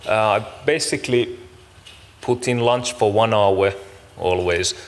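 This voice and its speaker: A man's voice: fairly low pitch, unhurried. A man opening a conference as its organiser, giving informal practical announcements in a casual, apologetic, somewhat hesitant way. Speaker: event organiser and host opening a summit. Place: large conference room, speaking to an audience. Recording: echoey hall with clear background noise.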